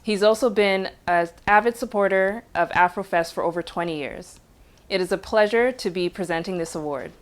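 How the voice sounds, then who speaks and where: A woman's voice: mid-range voice, moderate pace. A woman presenting an award on behalf of a board, speaking formally and graciously.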